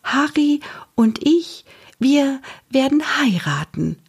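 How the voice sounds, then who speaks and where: A woman voicing a lively, bashful grandmother in a children's audiobook, soft and half-whispered. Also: high voice, slow pace, vocal fry, pitched above the performer's own voice, exaggerated voice.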